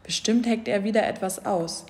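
A woman voicing a group of excitable, gossiping elephants in a children's storybook reading. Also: medium pitch, normal speed, big-room sound, close to an everyday voice. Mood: plotting.

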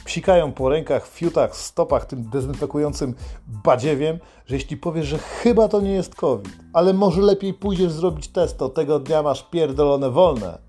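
A man's voice: fairly high pitch, normal speed, warm tone, slightly rough, soft background music. A man delivering a crude, sardonic comic monologue full of swearing. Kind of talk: profane satirical monologue.

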